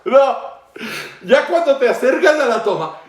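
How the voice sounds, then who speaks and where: A man with a Mexican accent hosting satirical political commentary, mocking and playful, acting out shouts and laughing often. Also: on the high side, very animated, unhurried, creaky, roomy sound, distant mic. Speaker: host.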